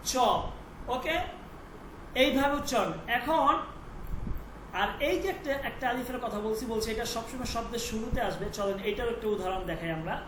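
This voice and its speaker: A woman's voice: a little high, fairly quick. Woman, language teacher, patient, repetitive drilling, echoey room, faint noise. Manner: patient, repeats sounds and checks understanding. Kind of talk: online class lesson.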